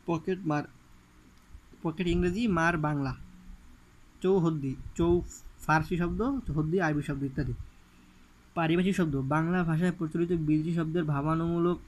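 A man's voice: on the high side, poor audio. A man with a Bangladeshi Bengali accent teaching an exam-prep lecture, reading word lists off the page and stressing which items matter. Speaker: admission coaching teacher.

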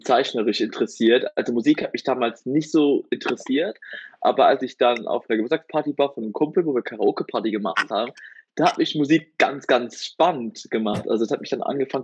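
A young man from Mannheim interviewed over a video call, relaxed and rambling. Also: mid-range voice, slightly rough, muffled recording. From Mannheim, Germany. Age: young adult. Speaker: band member guest. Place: room at home with purple lights.

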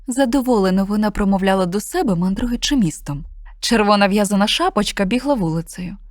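A woman reading a children's fairy tale aloud in a gentle, expressive storytelling manner. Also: mid-range voice, fairly quick, dry recording, clean studio sound.

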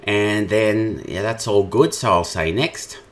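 Speaking slowly in a low voice, a man walks through a software tutorial over a screen share, informally explaining each step the way a trainer would.

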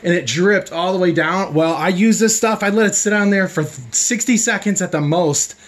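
A man's voice: sits high, normal speed. A man in his forties hosting a casual vlog in his garage workshop, chatty and upbeat, with plenty of fillers. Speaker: channel host. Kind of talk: casual product demo vlog. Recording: echoey garage with background music.

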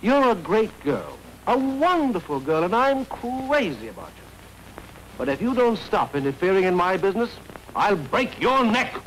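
A man's voice: high voice, sing-song, moderate pace, fairly bright tone, low-quality recording. A man playing a tough police detective who gives brusque commands, in 1930s film acting. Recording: old film soundtrack with faint hiss.

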